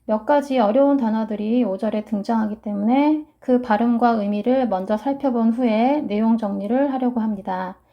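A woman's voice: on the high side, moderate pace, hardly any pauses. A woman teaching English pronunciation, explaining each sound patiently and step by step. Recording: muffled lo-fi sound.

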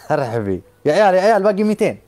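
A man's voice: high voice, very animated, rapid-fire, darkish tone. A man, a live streamer taunting his rival and urging his viewers on in a boisterous stream battle.

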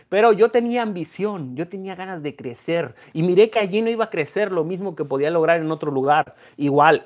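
Mexican man, casual vlog talk. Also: a little high. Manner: conversational and reflective, uses Spanglish words. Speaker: numismatics vlogger.

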